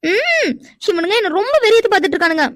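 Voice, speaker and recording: A woman voicing a hot-tempered young woman in a cartoon, talking sharp and exasperated. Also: very high-pitched, big pitch swings, quick pace, no echo, studio quality, voice pushed up, heavily acted. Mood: irritated. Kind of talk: cartoon voice acting.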